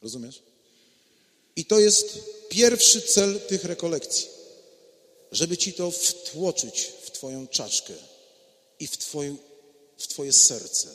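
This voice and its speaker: A man giving an impassioned retreat sermon, acting out dialogue and swinging from hushed tones to shouting. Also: fairly high pitch, expressive, takes it slowly, long pauses, big-room sound. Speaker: priest leading a retreat. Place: large church.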